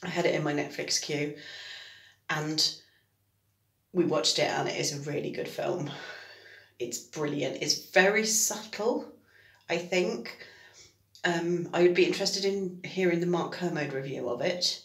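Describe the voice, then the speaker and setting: A woman's voice: low voice, measured pace, long pauses. A British woman chatting casually in a diary vlog from home, rambling and correcting herself as she goes. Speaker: vlogger. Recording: echoey room.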